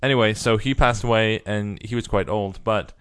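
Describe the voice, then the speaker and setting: A man's voice: on the low side, steady tone, moderate pace, a bit bright, clean tone. A young man co-hosting a casual podcast, running through news with dry, sarcastic asides. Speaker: podcast co-host.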